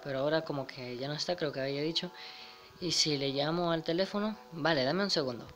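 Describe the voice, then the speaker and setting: A man's voice: on the high side, fast, a bit bright, faint music behind. A young man with a Spain Spanish accent commenting casually over a game, chuckling and reading the dialogue aloud. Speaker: gamer. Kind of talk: let's play commentary.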